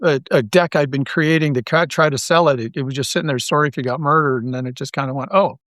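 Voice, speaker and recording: A man from Toronto, a writer and creator, talking as a guest in a relaxed interview, thinking aloud with many restarts. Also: mid-range voice, quick pace, dry recording, studio quality. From Toronto, Canada. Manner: thoughtful, many restarts and stammers. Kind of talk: casual interview chat.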